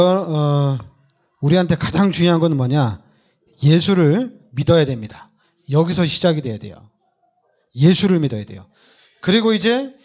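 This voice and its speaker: Emphatic preaching man, high lively voice. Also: lo-fi sound. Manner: emphatic, repetitive preaching with rhetorical questions. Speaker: pastor. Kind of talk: sermon.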